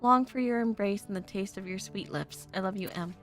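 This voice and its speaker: A woman streaming a game, reading its letters and dialogue aloud in a slow, expressive way, and turning playful and giggly between lines. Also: medium pitch, faint music behind. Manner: playful and giggly when ad-libbing. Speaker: VTuber streamer.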